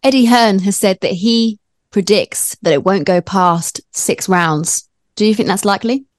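A woman's voice: medium pitch, measured pace, no room sound, clean studio sound. A woman with a Yorkshire accent hosting a sports prediction show and putting questions to her guest in presenter style. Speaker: host of a boxing prediction show.

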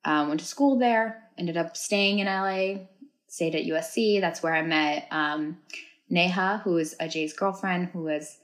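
A woman's voice: on the low side, unhurried. A young woman from Uzbekistan chatting casually as a podcast guest, filling her talk with likes and ums. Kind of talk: casual chat.

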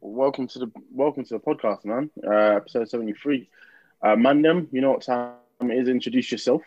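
A man's voice: medium pitch, a little fast, a little mellow, no room sound, lo-fi sound. A man with a London roadman accent hosting a casual podcast chat in slangy, laid-back talk. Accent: London roadman (urban slang). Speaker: podcast host.

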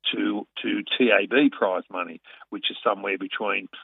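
An Australian man talking as a racing guest in a casual radio interview, conversational and a bit halting. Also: lowish voice, steady tone, vocal fry, slightly rough, dry recording, narrow, tinny audio.

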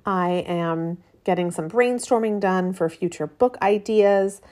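A woman's voice: mid-range voice, unhurried, a little mellow. Chatty woman podcaster in her late thirties. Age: late 30s. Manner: chatty, informal. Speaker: podcast host. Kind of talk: casual solo podcast chat. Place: cabin with a metal roof in rain.

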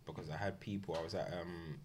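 A man's voice: deep voice, steady tone, quick pace, noisy background. A man with a London accent in casual sports chat, talking in roadman slang and repeating phrases for emphasis. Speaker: regular sports pundit.

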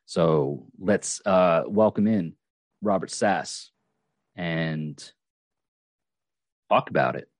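A man's voice: low-pitched, extremely slow, long pauses, no echo. A man hosting a casual podcast, rambling with many fillers and restarts. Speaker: podcast host.

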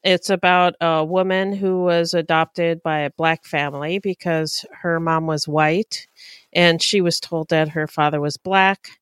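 A woman co-hosting a casual podcast, animated and quick to react. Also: sits low, smooth, dry recording, clean studio sound. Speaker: podcast co-host.

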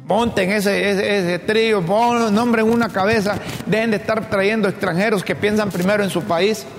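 A man from Honduras talks politics in a casual, conversational way, often restarting his sentences. His voice sits fairly high and has a gravelly texture. The room has a long echo, and faint music plays under him. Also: fairly even intonation, moderate pace. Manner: conversational, reads news notes aloud, hesitant restarts. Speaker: talk show co-host.

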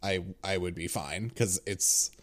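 A woman in her twenties co-hosting a podcast, chatting casually with quick teasing interjections and frequent laughs. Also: rumbling low. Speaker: podcast co-host. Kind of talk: casual chat.

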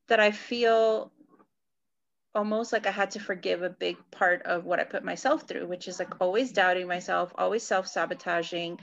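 Creaky and a bit bright, this mid-range voice belongs to a forties podcast co-host from California chatting casually about personal matters. She thinks out loud and keeps asking "right?", while the recording has its highs cut off.

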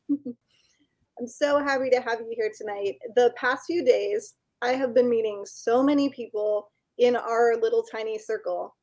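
A woman's voice: fairly high pitch, measured pace, a little mellow. A woman hosting an interview in a conversational style. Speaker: interview host.

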